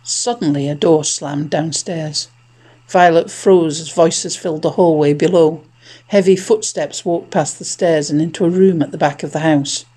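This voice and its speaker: A narrator reading a children's adventure story in a tense, measured way. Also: medium pitch, steady tone, warm tone. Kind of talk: audiobook narration.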